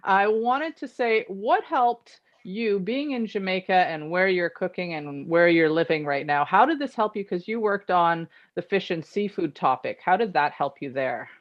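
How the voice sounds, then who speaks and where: A woman's voice: fairly low pitch, animated, moderate pace, few pauses, highs cut off. A woman hosting an online meetup over a video call, asking questions in an informal, chatty way. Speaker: host.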